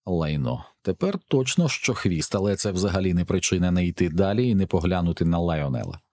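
A man with a low voice reading the lines of a burly, blunt, coarse-spoken male mechanic in an audiobook. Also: very animated, fairly quick, darkish tone. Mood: hushed wary.

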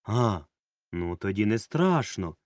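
A man voicing a kindly old village grandfather who speaks calmly and reassuringly. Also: lowish voice, no room sound, studio quality. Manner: calm, reassuring, unhurried.

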